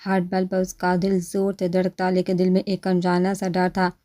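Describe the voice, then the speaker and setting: A woman narrates a romantic novel as an audiobook in a steady, dramatic manner. Her voice is low-pitched and mellow, with a soft, dark tone throughout.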